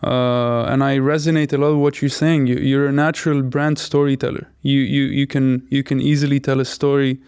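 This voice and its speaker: Male podcast co-host, enthusiastic, smooth voice, dry recording. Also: medium pitch, level tone, fairly quick, hardly any pauses, a little mellow, no room sound. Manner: enthusiastic, repeats words while praising. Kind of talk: casual interview talk.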